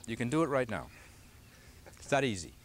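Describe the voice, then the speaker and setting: On a grassy driving range outdoors, an older golf instructor explains his points and patiently asks the group questions. His mid-range voice swings widely in pitch at a fairly quick pace, heard through a camcorder some distance away.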